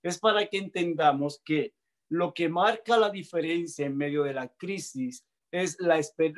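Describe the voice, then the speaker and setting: Man preaching slow, reads the bible aloud, bit high voice, big pauses, goes loud then soft. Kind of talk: sermon with Bible reading.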